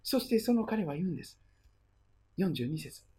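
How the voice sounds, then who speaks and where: A pastor preaching a sermon and retelling the story, often letting phrases trail into a hush. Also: medium pitch, big pitch swings, moderate pace, husky.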